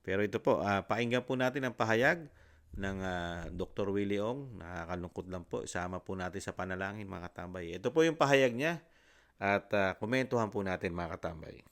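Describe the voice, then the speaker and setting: Filipino male commentary host, deep low voice, hesitant and courteous. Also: fairly bright tone. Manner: polite, halting, many fillers. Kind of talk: casual commentary.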